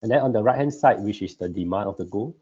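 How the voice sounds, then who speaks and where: A man with a low, mellow, slightly husky voice talks through an online group call, and the sound comes through dull and lo-fi. He presents haltingly and fills his pauses with hesitation sounds. His computer mic gives the thin feel of a video call. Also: animated. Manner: halting, frequent filler sounds. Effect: online group call audio. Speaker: guest presenter.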